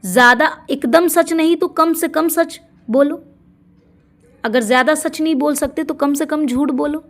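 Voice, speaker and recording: A woman voicing a gentle male sage who gives calm, coaxing advice. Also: high voice, measured pace, pitched above the performer's own voice.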